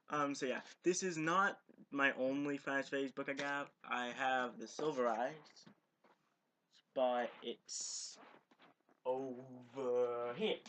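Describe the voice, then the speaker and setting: Amateur male reader, unhurried, bright tone, halting casual read-through with restarts. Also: mid-range voice, a little hiss or hum. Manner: halting reading with stumbles and restarts; chatty and giggly between passages. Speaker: channel host reading a novel aloud.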